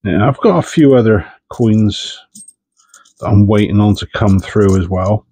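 In a warm, husky, lowish voice at a measured pace, a coin-hunting channel host with a head cold sniffs as he chats while sorting coins. He comes across as chatty, understated and self-deprecating, in a dry recording.

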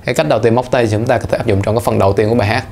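A man's voice: lowish voice, fairly even intonation, racing, gravelly. A man chatty guitar teacher. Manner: chatty and playful, counts beats aloud. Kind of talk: casual instructional talk. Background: guitar playing.

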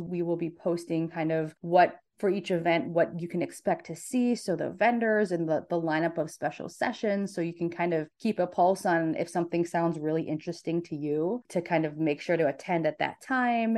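A woman in her thirties talks casually as a podcast guest. Her voice sits on the low side. She chats freely and often breaks off to restart a thought. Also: darkish tone. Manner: chatty, with frequent restarts. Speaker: podcast guest, sleep consultant. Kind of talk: casual interview chat.

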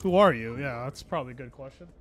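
A man's voice: mid-range voice, animated, quick pace, fairly bright tone, soft background music. A young man livestreaming a video game, chatting casually and joking as he reacts to the game. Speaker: livestream gamer.

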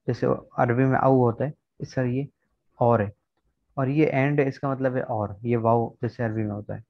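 A man's voice: mid-range voice, steady tone, normal speed. A male teacher gives a patient, word-by-word vocabulary lesson over a video call, keeping his tone level with very little rise and fall. The sound is dry with no room echo, and the online recording is slightly dull and lo-fi. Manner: explains word by word, often checking with "theek hai". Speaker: English teacher.

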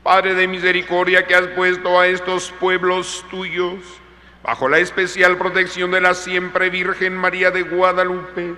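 A man leading Mass as a priest, reciting solemn, measured liturgical prayers in a long cathedral-like echo. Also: sits high, completely flat delivery, sharp tone. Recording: echoing cathedral-like reverb, congregation around.

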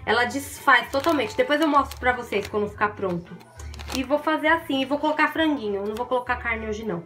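Woman, Brazilian accent, chatty mom vlogger, talks straight to viewers, slightly high voice, handheld phone sound, faint music. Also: fast, sharp tone. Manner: chatty, often addresses viewers as "gente". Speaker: vlogger and mother. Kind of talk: casual home vlog. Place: at home, cooking and doing chores.

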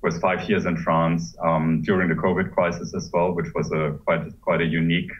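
Deep, flat-voiced man on a video call. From Germany. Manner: measured, thoughtful, many ums and restarts. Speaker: pharma executive guest. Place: home room with high ceiling. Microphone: laptop webcam mic on a video call. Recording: muffled, distant video-call audio.

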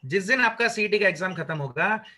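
Bright high-voiced man lecturing students. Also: a little fast. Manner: lively, rhetorical questions, mixes English into Hindi. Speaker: career trainer.

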